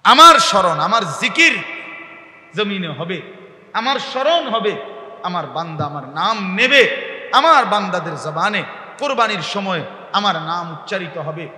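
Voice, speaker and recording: A man preaching a sermon in a mosque. He explains by putting questions to his listeners, and his speech swings from quiet explanation to impassioned shouting. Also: expressive, a little slow, long pauses, echoey room, in a large hall. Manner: impassioned, rising to shouts, then dropping low; explains by asking the audience questions.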